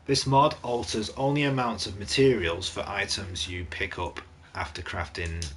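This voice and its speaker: A man's voice: fairly low pitch, fairly even intonation, moderate pace, a bit bright, slight background noise. A man hosting a gaming channel, giving a casual mod review commentary in an off-hand way, reading descriptions aloud with blunt asides, his voice starting to go.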